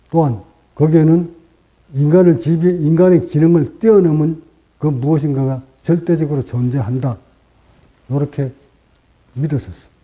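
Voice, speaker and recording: A man delivers a dharma talk as a Buddhist meditation teacher. His voice sits a little high but has a very dark, mellow tone. He speaks in short, measured phrases, pausing often and pushing up in pitch to stress a point. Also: low-quality recording. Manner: deliberate, short phrases with pauses, rising for emphasis.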